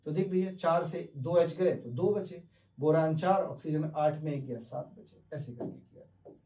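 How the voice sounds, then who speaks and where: A man's voice: on the high side, moderate pace, mellow, recorded from a distance. A man teaching chemistry, explaining step by step, asking questions and answering them himself, with English terms mixed into his speech. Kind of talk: classroom lecture. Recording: echoey room, voice off-mic.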